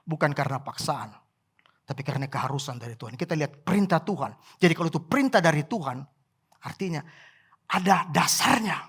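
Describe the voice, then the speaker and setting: A pastor preaching a sermon at a church service, swinging from soft, quiet remarks to loud exclamations and acting out prayers and cries. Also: mid-range voice, fast talker, husky. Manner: animated, acts out prayers and cries.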